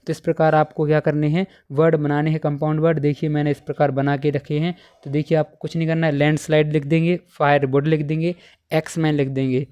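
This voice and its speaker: Clear-voiced male teacher. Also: a little high, little pitch movement, a little mellow. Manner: explains step by step, repeating and dictating answers slowly. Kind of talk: exam paper walkthrough for schoolchildren.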